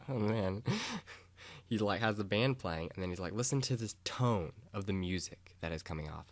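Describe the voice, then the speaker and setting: A young man talking in a rambling, casual monologue. He gets excited, loses his train of thought and swears freely. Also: fairly low pitch, dry recording.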